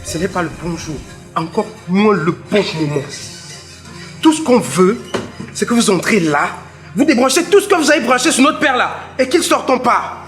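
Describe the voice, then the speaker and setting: A man's voice: very animated, normal speed, a bit bright, soft background music. A man playing a pushy, impatient grown son in a comedy skit. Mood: demanding. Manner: pushy, complaining, rising in pitch when upset.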